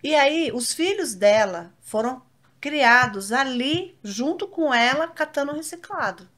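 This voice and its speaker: Woman host, slightly high voice, animated storyteller. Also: measured pace. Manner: tells personal anecdotes, animated retelling. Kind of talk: casual faith chat.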